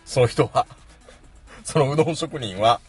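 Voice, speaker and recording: A man's voice: medium pitch, a little slow, breathy edge, no echo, soft background music. A man hosting a casual chat show with dry, self-mocking humor. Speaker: host.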